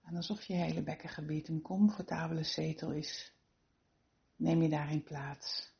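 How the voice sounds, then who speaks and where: A woman with a low voice and a noticeable creak leads a guided meditation. She gives soothing instructions and leaves the listener room to settle. The sound is slightly dull and muffled. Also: steady tone. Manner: soothing, unhurried instructions with gentle encouragement.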